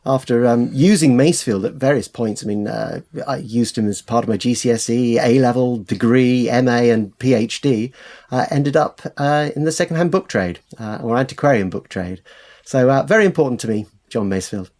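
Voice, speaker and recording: Speaking at a normal pace with a slightly mellow, medium-pitched voice, a British-accented man appears as a scholarly interview guest. He recounts stories with enthusiasm, hesitating and repeating words as he goes.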